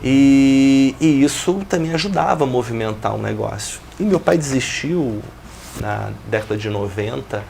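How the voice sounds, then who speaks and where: Over a faint background noise, a gravelly voice with vocal fry at mid pitch recounts how its owner built his company. He is a Brazilian guest in his forties, giving an interview about his life at a measured pace, steady and reflective, peppered with business terms.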